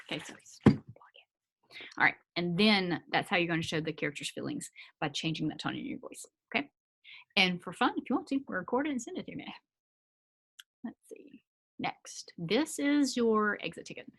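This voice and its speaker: A woman's voice: lowish voice, fairly bright tone. A woman teacher explaining a reading assignment to her students in a patient, casual manner. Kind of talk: recorded remote reading lesson.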